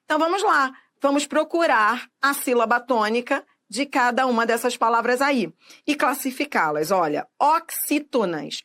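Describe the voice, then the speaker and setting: Woman teaching grammar, slow example words. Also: high voice, fairly bright tone. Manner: didactic, stretches out example words slowly; addresses viewer directly, asks and answers own questions. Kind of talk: video lesson.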